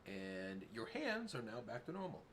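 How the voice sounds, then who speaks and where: A man's voice: mid-range voice, wildly swooping pitch, normal speed, a bit bright. A man runs a tabletop game as its game master. He narrates in a casual, conversational way, with faint noise in the recording.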